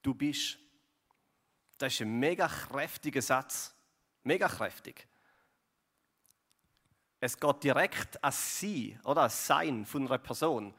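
A man's voice: mid-range voice, lively intonation, takes it slowly, pauses often, pushed and bright. A man with a Swiss German accent giving a conversational sermon as pastor, full of fillers and tag questions like "gell" and "oder". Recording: long hall reverb.

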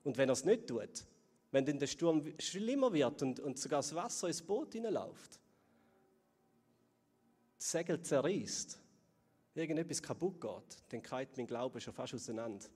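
A man preaching a sermon to a congregation and viewers at home, earnest, often sinking to soft, low tones on key words. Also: big pitch swings, normal speed, long pauses, slightly rough. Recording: long hall reverb.

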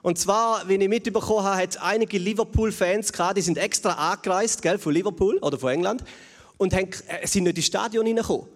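A man's voice: high voice, brisk. A man with a Swiss German accent preaching a sermon in a chatty way, often tossing in little tag questions to the congregation. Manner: conversational, with frequent tag questions. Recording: long reverb of a large hall.

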